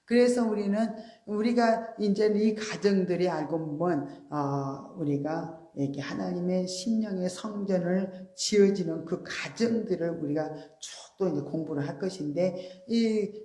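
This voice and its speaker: Woman pastor preaching, earnest and patient, soft polite endings, roomy church echo. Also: lowish voice. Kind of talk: sermon. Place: church sanctuary.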